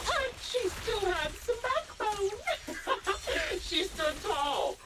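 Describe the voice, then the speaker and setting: A woman's voice: very high voice, very animated, slow pace, distant mic, very noisy, exaggerated voice. A woman playing a sadistic sniper villainess in a video game, taunting with mock-polite sweetness and theatrical relish. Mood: gleeful taunting.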